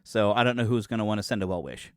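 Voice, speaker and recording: A man in his forties hosts a casual solo podcast, rambling and chatting, often correcting himself and joking at his own expense. His fairly low voice has lively intonation and a rapid-fire pace. The clean-toned studio recording has no room sound.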